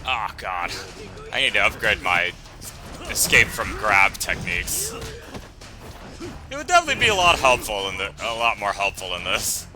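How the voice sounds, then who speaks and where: A man doing casual let's play commentary, halting and stammering as he rephrases his thoughts. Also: on the low side, very animated, over music. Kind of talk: casual rambling game commentary.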